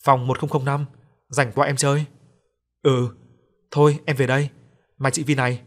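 A man reading the part of a teenage boy's ghost who speaks calmly and gives warnings. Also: medium pitch, normal speed, natural voice. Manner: calm, warning. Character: ghost of a teenage boy, calm and cryptic.

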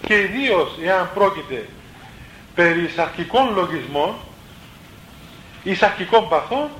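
A priest with a fairly high voice preaches a sermon in a plain, conversational teaching manner. He keeps slipping in little asides and restarts as he explains. The sound is roomy, with a faint hiss of noise behind him. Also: fairly bright tone. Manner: plain teaching tone, peppered with "let's say" asides and self-corrections. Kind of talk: spoken sermon on spiritual life.

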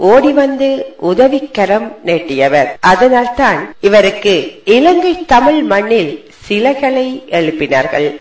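A woman presents radio in a formal, flowery scripted style. Her pitch moves in a lively way, and the sound is echoey.

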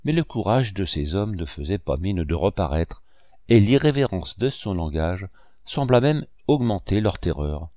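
Man, audiobook narrator, steady measured reading, deep voice, dry close sound. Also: no echo. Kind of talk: scripted narration.

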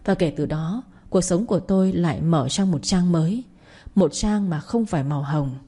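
A woman narrating a first-person family story in a soft, steady manner. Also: fairly low pitch, moderate pace, husky.

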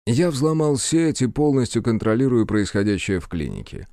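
A man voicing a secretive male hacker who watches patients, speaking calmly, politely and slowly. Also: medium pitch, no room sound, studio quality. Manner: calm, measured, polite.

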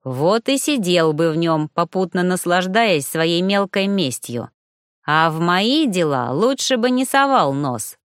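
A woman's voice: fairly low pitch, animated, unhurried, smooth, no echo, clean studio sound. A woman reading the part of a scheming male sorcerer villain, drawling and coldly mocking.

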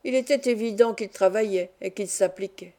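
Woman reading a novel, mellow tone. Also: medium pitch, normal speed. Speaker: audiobook reader. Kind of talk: scripted narration of a classic novel.

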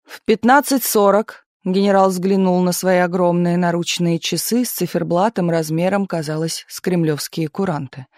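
A man reading a novel aloud as an audiobook narrator, steady and expressive, on a close microphone. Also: sits high, moderate pace, hardly any pauses, no echo.

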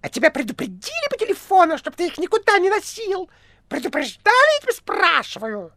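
A man voicing a shrill, squeaky cat-like fat male demon in an audiobook. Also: wildly swooping pitch, a little fast, bright, forceful tone, dry recording, clean studio sound, full character voice. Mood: shrill menace.

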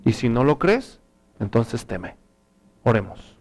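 A male pastor preaching a sermon, telling a story and reading scripture in an earnest, animated way. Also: takes it slowly, soft background music. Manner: earnest and animated, rises in pitch for emphasis.

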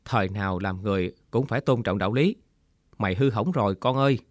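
A man voicing a gentle, weak-willed aging father who reproaches his daughter, read in a storybook voice. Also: on the low side, lively intonation, normal speed, no echo, studio quality, lightly acted. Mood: anguished. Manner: reproachful, pained.

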